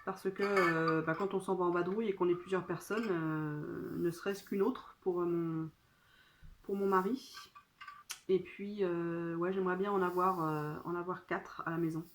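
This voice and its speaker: A woman's voice: on the low side, fairly even intonation, normal speed, a little hiss or hum. A woman chatting casually to her phone during an unboxing, talking in a hesitant way full of fillers. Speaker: vlogger. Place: at home.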